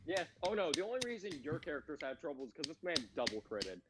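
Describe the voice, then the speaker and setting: A young man chatting as a player in a tabletop game, animated, laughing and swearing. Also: fairly high pitch, fast, heavy background noise. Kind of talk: casual tabletop game chat.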